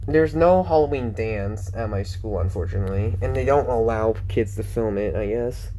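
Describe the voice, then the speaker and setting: A man's voice: lowish voice, moderate pace, dark tone, slight background noise. Rambling teenage boy close to tears. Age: teens. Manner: rambling, many fillers and self-corrections. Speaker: vlogger. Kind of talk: casual rambling vlog. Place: at home.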